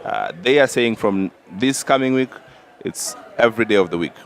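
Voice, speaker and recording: Man, political debate, low-pitched, emphatic, insistent. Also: moderate pace. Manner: emphatic, insistent, repeats "all right?". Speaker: podcast co-host.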